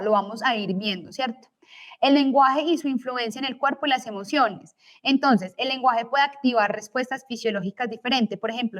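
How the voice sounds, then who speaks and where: Woman, young adult, teacher, recorded course lecture, fairly high voice, explanatory, frequent tag questions. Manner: explanatory, tag questions after each point.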